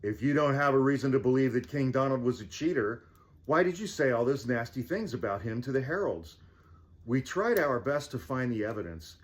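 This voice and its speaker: A man's voice: medium pitch, animated, brisk, natural voice. A man voicing an earnest, self-important wizard investigator in a theatrical, declaiming way, as part of fireside storytelling. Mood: earnest, insistent.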